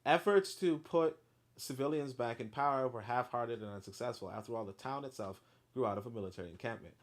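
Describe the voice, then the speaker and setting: Speaking at a medium pitch and a little quickly, a man reads from a history book before stopping to offer animated, outspoken remarks laced with profanity and plenty of fillers.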